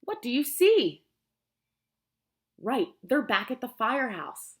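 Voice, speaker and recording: A preschool teacher reads a picture book aloud to young children, explaining things simply and prompting them with questions. Her voice is a little high and her pace slow, and she reads expressively.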